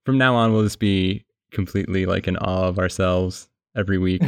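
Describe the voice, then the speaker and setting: A man's voice: low voice, fairly even intonation, brisk, clear, resonant tone, dry recording. A man hosting a podcast in casual chat, recording under a blanket and often laughing as he rambles. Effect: muffled by a blanket over the mic. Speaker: podcast host.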